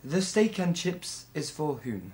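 Man putting on a polite, higher-pitched waiter. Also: sing-song, takes it slowly, a little mellow. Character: polite male restaurant waiter.

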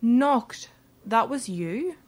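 A woman voicing a young red-haired girl in an audio story, speaking English slowly and carefully. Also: fairly high pitch, expressive, darkish tone, heavily acted. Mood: curious. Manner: slow, carefully spoken English.

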